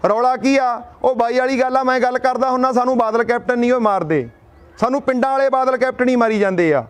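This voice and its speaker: A man's voice: very high voice, fast. A middle-aged man from Punjab giving an impassioned speech at an outdoor protest, firing rhetorical questions and telling folksy stories. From Punjab, India. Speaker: speaker at a protest sit-in.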